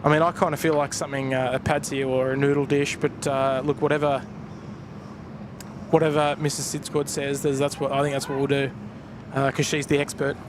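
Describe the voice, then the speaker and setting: An Australian man hosts a live stream from an airport viewpoint, where he spots planes and chats casually while thanking viewers. His voice sits at medium pitch with little variation, and he speaks fairly quickly. Traffic and aircraft noise fill the outdoor recording.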